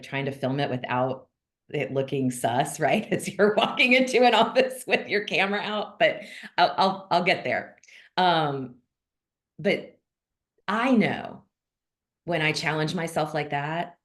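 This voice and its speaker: A woman with a low voice hosts a relaxed online members' call. She talks in a chatty, upbeat way, says things straight, and fills her pauses with ums. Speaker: host of a monthly call for notaries. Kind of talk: casual video-call chat.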